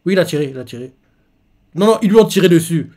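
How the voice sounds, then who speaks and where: A man's voice: a little high, animated, fast, darkish tone. A man reading a manga chapter live and reacting in a chatty way, full of fillers and speculation.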